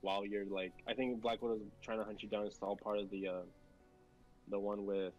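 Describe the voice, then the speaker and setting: A man's voice: lowish voice, flat delivery, brisk, soft background music, low-quality recording. A man chatting casually about video games as co-host, rambling with many fillers and restarts. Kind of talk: casual gaming chat.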